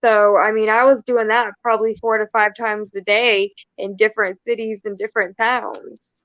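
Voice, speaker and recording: A woman's voice: mid-range voice, little pitch movement, moderate pace, dry recording. Candid woman on a lo-fi call. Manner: candid and matter-of-fact, with light laughs. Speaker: guest. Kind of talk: casual conversation.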